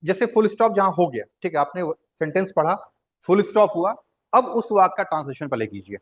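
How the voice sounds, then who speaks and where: A man's voice: high-pitched, expressive, a little fast, a bit bright. A man teaching a Hindi translation lesson, explaining at length, repeating words, spelling them out, and asking questions that he then answers himself.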